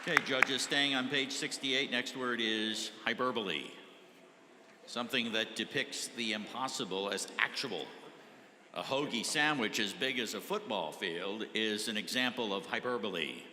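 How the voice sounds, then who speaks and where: A man, pronouncing and defining words at a spelling bee, spelling them out slowly letter by letter with a dry joke now and then. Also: lowish voice, bright, forceful tone. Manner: slow, deliberate letter-by-letter spelling, dry jokes. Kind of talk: reading words and definitions aloud. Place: large event hall with an audience. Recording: echoey hall, faint noise.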